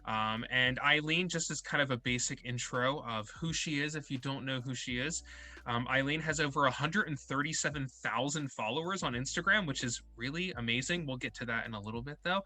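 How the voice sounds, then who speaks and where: A man's voice: mid-range voice, fairly quick, bright, forceful tone. A young man hosting an interview podcast, talking casually and rambling with lots of fillers. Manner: rambling, heavy on filler words. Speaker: podcast host.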